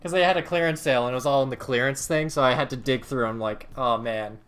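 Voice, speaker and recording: A man's voice: mid-range voice, fast talker, fairly bright tone, faint music behind. A young man chatting casually on a game stream, telling a long story full of fillers and the odd swear word.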